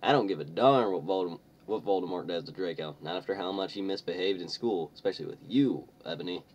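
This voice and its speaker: A man's voice: sits low, fast, dull audio. Man reading as a spiteful old wizard headmaster. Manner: mean, dismissive.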